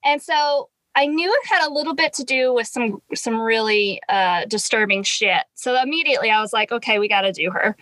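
A woman's voice: on the high side, brisk, hardly any pauses, a bit bright, no echo, low-quality recording. A young woman co-hosting a casual true-crime podcast, chatty and laughing often, swearing freely as she tells the story. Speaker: podcast co-host.

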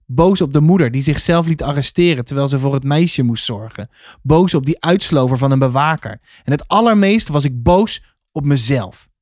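A man reading a children's novel aloud in a calm, measured storytelling manner. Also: fairly high pitch, no echo, clean studio sound. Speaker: reader.

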